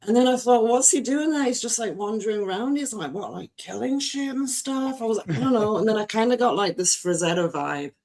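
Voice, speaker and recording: A woman's voice: a little high, animated, brisk, few pauses, darkish tone. Woman guest artist, rambling, emotional, laughs a lot, casual stream chat.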